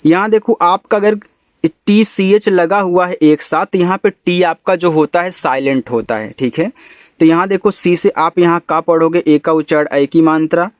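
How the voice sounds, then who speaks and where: A man teaching an English reading lesson, spelling words out letter by letter and explaining them slowly. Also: on the high side, no room sound. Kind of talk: spoken language lesson.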